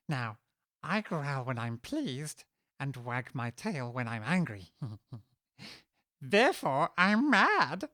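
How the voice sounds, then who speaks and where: An actor playing a sly, grinning cat who chuckles between lines in a playful drawl, for a full-cast audiobook. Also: male voice, mid-range voice, big pitch swings, extremely slow, long pauses, pushed and bright, no echo, studio quality, exaggerated voice. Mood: amused, teasing. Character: grinning, teasing Cheshire Cat, sly and amused.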